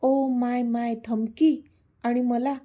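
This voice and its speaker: A woman's voice: fairly high pitch, level tone, slow, warm tone. A woman voicing a stubborn young man who teases and insists, in a storybook reading. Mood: teasing insistent. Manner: teasing, insistent.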